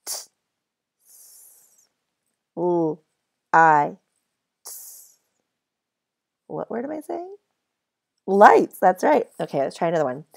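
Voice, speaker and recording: A woman with a gravelly, fairly low voice teaches phonics to first graders, slowly and exaggeratedly sounding out letters and words. She stretches each sound and cheers the children on in a cheerful, encouraging tone.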